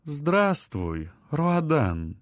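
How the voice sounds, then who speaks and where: A proud sorceress queen with a melodious, lilting voice, as a male reader lifts his voice for her. She sounds sure of her power, her lines rising high. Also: expressive, normal speed, dry recording, clean studio sound, lightly acted. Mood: confident.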